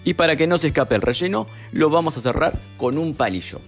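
A young man, calmly narrating a cooking recipe step by step as a voice-over, with music behind him. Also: on the high side, a little fast. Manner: calm step-by-step instructions. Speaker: cooking channel host.

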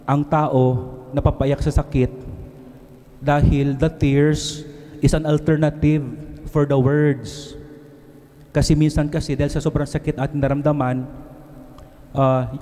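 A man in his forties with a Filipino accent, a priest giving a homily at a lectern into a handheld mic, earnest and switching between two languages, slowing down to stress words. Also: medium pitch, warm tone. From Philippines. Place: church altar, at a lectern. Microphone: handheld mic at the mouth. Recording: long church reverb.

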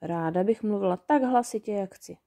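A woman voicing a timid, well-behaved young fairy girl who talks in halting bits. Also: mid-range voice, warm tone, lightly acted. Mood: eager. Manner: hesitant, halting.

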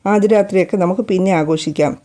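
A woman voicing a kind, joking young husband in a storybook reading, speaking softly and affectionately. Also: high-pitched, fast talker, lightly acted. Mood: tender. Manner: soft, affectionate.

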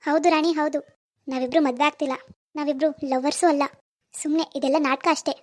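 A woman's voice: sits high, steady tone, brisk, close to an everyday voice. A woman voicing a young husband in a cartoon, earnest, pleading and insistent. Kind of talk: animated cartoon dialogue.

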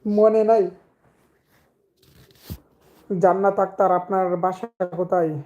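A hoarse young man, chatting casually with viewers on a live stream and greeting commenters by name. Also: high voice, little pitch movement, takes it slowly, a little mellow, highs cut off. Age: young adult.

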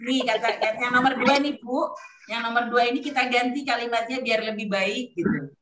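A woman with a fairly high voice leads a parenting workshop as a psychologist, drawing the room in with questions and acting out what parents say. She stands back from the microphone, so her voice rings through a roomy hall. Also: fairly quick, a bit bright. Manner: engaging, asks the audience questions, acts out parent phrases. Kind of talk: interactive seminar talk. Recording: roomy echo, speaker far from mic.

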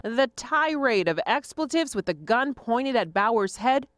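A woman TV reporter reading a scripted news voice-over in a measured way. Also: on the high side, expressive, fairly bright tone.

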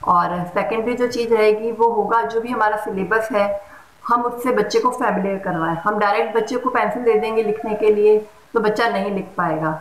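A woman explaining step by step how to teach young children at home, sounding out letters slowly and clearly. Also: mid-range voice. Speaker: home teaching guide for mothers. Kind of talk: friendly how-to lesson for parents. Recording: echoey room.

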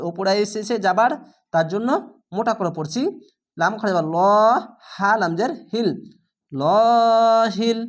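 A man with a Bangladeshi Bengali accent teaching Quran reading, spelling each syllable slowly and patiently, then reciting words drawn out. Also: high voice.

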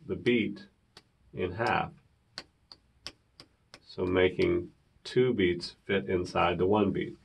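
A man's voice: deep voice, creaky, slightly rough. A man teaching a beginner piano lesson, counting rhythms aloud and asking viewers to repeat after him.

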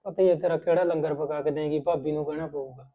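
A man's voice: fairly high pitch, steady tone, fast, mellow, lightly acted. A man playing an easygoing young husband who responds in an offhand, placating way in a village family drama.

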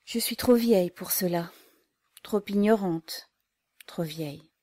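A woman reading the part of a weary, humble older mother in a storybook, speaking softly and quietly. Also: mid-range voice, slow, no room sound. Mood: sad.

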